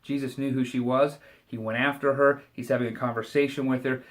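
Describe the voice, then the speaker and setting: A man giving a short devotional Bible commentary, talking in a relaxed, conversational way and paraphrasing scripture in everyday speech. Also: medium pitch, brisk. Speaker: Bible teacher.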